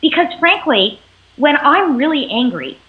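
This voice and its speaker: A woman psychologist explaining parenting as an interview guest, animated and acting out what parents and children say. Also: high-pitched, unhurried. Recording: tinny phone-like line.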